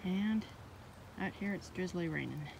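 A hiking vlogger walks through a rainy forest, giving plain, matter-of-fact trail commentary in a casual way. Her voice is on the low side and gravelly, her pace measured. Steady rain noise runs through the outdoor recording.

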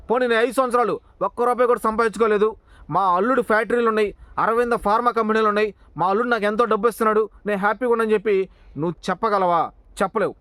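Fast, high-pitched ranting man. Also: fairly bright tone, dry recording. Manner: confrontational, addresses the target directly with rhetorical questions. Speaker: political commentator, channel owner. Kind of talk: heated political monologue.

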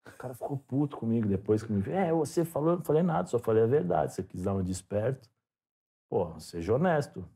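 Animated Brazilian man telling stories. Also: mid-range voice, fast talker, breathy edge. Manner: animated storyteller, acts out dialogue. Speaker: podcast guest, former footballer. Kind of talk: casual storytelling interview.

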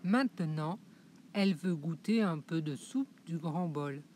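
Slow, expressive woman storyteller. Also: low voice, a little hiss or hum. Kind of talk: children's audiobook narration.

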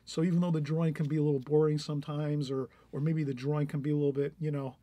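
Here a middle-aged man teaches painting, thinking out loud while he draws; he rambles, restarts often and stays encouraging. His warm voice sits on the high side with little pitch movement, and his pace is fast.

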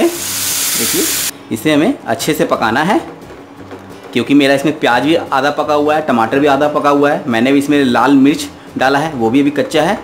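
His voice has a fairly high pitch, and a little hiss or hum runs under the recording. At his home stove, the man patiently explains a recipe step by step, addressing his cooking show's viewers directly.

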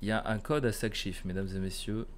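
A man's voice: on the low side, fairly quick. A man in his thirties casually commenting live on a horror game and chatting with his viewers, muttering to himself with bursts of exclamation. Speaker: streamer playing a horror game. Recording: clearly noisy, game ambience behind. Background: horror game ambience.

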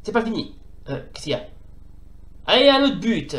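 A man from France giving casual gameplay commentary, switching into excitable mock sports-caster calls and swearing at his goalkeeper. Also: high voice, normal speed, reverberant. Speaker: retro gaming YouTuber.

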